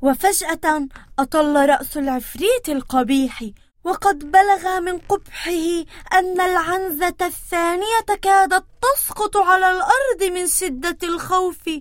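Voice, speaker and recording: A woman reading a children's story aloud, expressive and playful with sound effects. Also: very high voice, moderate pace, no echo.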